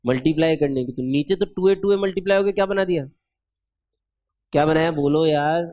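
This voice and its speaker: A man teaching math in a chatty, playful classroom lecture, quizzing students with rhetorical questions and stretching out formulas slowly. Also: on the high side, darkish tone, no echo.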